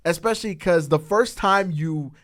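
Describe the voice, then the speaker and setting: Excitable young man rambling about games. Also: a little high, normal speed. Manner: rambling, excited, heavy on fillers. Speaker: podcast co-host. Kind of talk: casual chat.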